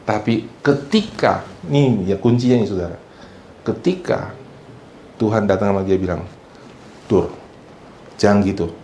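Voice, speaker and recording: A man's voice: fairly low pitch, moderate pace, roomy sound, a little hiss or hum, poor audio. A pastor preaching a sermon who mixes English phrases into his talk, asks his congregation for responses and acts out the people he quotes. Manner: acts out quoted people, sometimes loud and shouting. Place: church hall.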